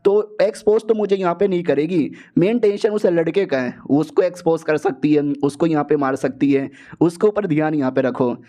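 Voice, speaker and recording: A joking male storyteller with a high, mellow voice. He recounts the plot in an excited, slangy, casual way, as host of his own explainer channel. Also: normal speed. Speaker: storyteller explaining a comic series.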